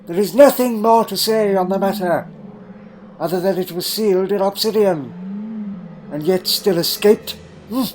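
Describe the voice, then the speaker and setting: In a fan audio drama, a man portrays an elderly, secretive alien time traveller who tells his story gravely and deliberately, humming as he ponders and sounding defensive. His natural voice sits high, with a noisy background.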